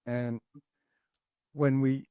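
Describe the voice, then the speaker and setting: A man's voice: medium pitch, little pitch movement, drawn-out words, warm tone, clean tone, dry recording, studio quality. A man hosting a podcast, chatty and affirming, with a few digressions. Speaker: podcast host. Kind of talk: casual podcast conversation.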